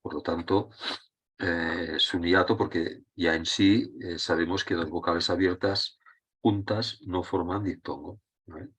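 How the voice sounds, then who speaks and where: A man's voice: sits low, steady tone, measured pace, a bit bright, breathy edge. A man teaching a Spanish grammar lesson, explaining step by step and often checking in with his students. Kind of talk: lesson on Spanish accent rules.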